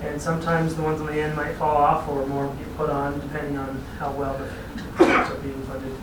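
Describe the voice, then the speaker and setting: A man from a regional transportation planning agency briefs a city council in a slightly high voice, speaking briskly with a completely flat delivery. He's easygoing and explanatory, chuckling at his own asides, picked up by a distant mic in an echoey chamber with clear background noise.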